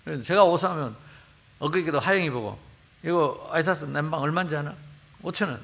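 A man's voice: fairly high pitch, a little fast, creaky, fairly bright tone. A middle-aged man, a pastor preaching a sermon in colloquial, emphatic storytelling. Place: church sanctuary.

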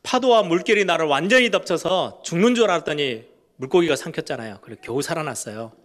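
A middle-aged male pastor preaching a lively sermon. His voice sits a little high for a man. He swings into raised, pleading tones when he acts out questions. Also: quick pace.

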